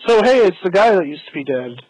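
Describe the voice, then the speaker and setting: A man's voice: sits high, very animated, quick pace, a little mellow, no echo, poor audio. A man hosting a casual podcast, chatting about a show while watching it and laughing at his own jokes. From United States. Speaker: podcast host.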